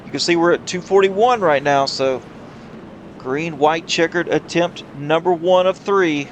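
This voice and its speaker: A man calling a sim racing event play-by-play, reacting quickly to the action. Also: a little high, a little hiss or hum. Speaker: lead race commentator.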